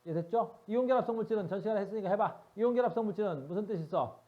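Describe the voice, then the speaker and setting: A man's voice: high voice, very fast, dull audio. A male science teacher giving a classroom lecture, teasing and constantly asking his students questions.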